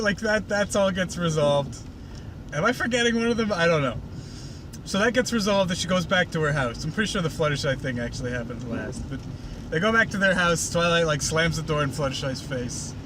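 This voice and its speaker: A man's voice: on the high side, noisy background. A man casually retelling a cartoon episode in a rambling, sarcastic way, full of fillers, while riding in a car.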